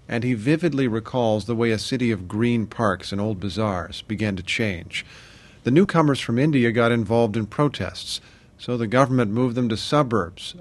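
A man with an American accent narrating a scripted news documentary in short, deliberate sentences. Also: medium pitch. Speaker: radio reporter and narrator.

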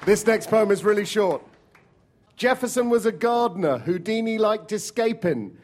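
A man's voice: high voice, lively intonation, moderate pace, a little mellow. A man hosting a live show, introducing acts with a short playful rhyme. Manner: announcing, playful rhyming intros. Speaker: show host. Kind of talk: stage introductions. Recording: live venue with crowd and noise.

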